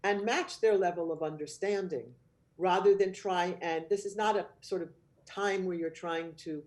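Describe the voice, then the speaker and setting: A woman giving advice on supporting children in child care, explaining in a calm, earnest way and modeling gentle phrases to say. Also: fairly low pitch, normal speed. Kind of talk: instructional webcast talk.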